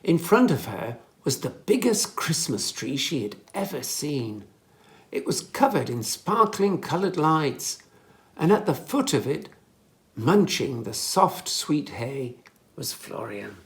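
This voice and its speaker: Reading slowly at a medium pitch, a storyteller delivers a scripted tale for young children with expressive, careful phrasing.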